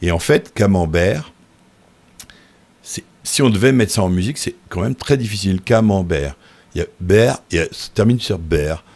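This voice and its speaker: Low-voiced french composer guy chatting, gets animated, sings bits of lines. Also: fast, hardly any pauses. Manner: animated explainer who sings example phrases. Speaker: composer and choir conductor. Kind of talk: casual conversation.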